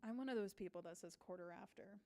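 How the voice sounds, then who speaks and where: A woman's voice: mid-range voice, quick pace, dark tone. A woman artist chatting casually while she draws on a stream, giggling often and rambling to herself. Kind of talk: casual chat while drawing.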